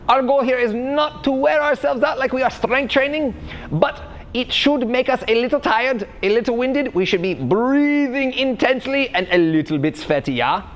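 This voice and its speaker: Pitching his voice extremely high, well above his natural range, a man performs a hyperactive parkour coach with a mock German accent for a comedic tutorial. He speaks at normal speed, animated and bouncy, drawing words out sing-song and tacking "yeah?" onto his instructions.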